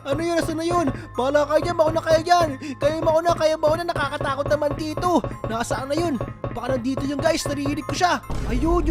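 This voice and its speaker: A woman hosting her gaming channel, giving excitable let's-play commentary and giggling often. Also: high voice. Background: background music.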